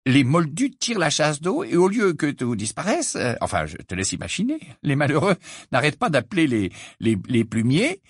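A man voicing a kindly, excitable middle-aged wizard who stammers and hurries. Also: fairly high pitch, normal speed, slightly rough, no echo, studio quality, voice pushed up, full character voice. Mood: flustered.

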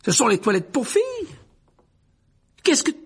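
A man voicing a pompous, bossy teenage prefect who scolds loudly. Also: high voice, very animated, fast talker, slightly rough, voice pushed up, full character voice. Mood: scolding. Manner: loud and scolding.

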